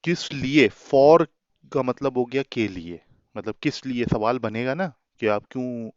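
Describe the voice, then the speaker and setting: A man teaching a class, explaining an English text word by word and mixing English terms into his explanation, reading the English lines slowly with stress on each word. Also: medium pitch, no room sound, muffled recording. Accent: Pakistani.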